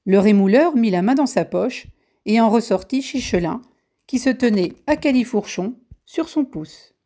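A woman narrating a folk tale in a gentle, measured way. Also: on the high side, expressive. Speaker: storyteller.

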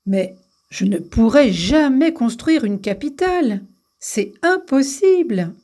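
A woman's voice: on the high side, lively intonation, slow pace, warm tone, exaggerated voice. A woman reading as Tao, a humble young peasant. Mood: puzzled. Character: humble young male peasant, kind and modest.

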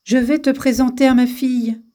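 A woman reading as a soft-spoken, regal queen. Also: high-pitched, fairly even intonation, moderate pace, close to an everyday voice. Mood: pleading. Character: gentle, regal queen pleading for her daughter.

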